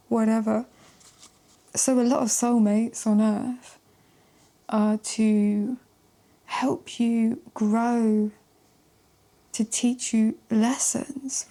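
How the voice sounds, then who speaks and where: A woman giving a casual tarot love reading to camera, chatty and emphatic with casual swearing, sometimes dropping into a soft whisper. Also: on the high side. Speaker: tarot reader.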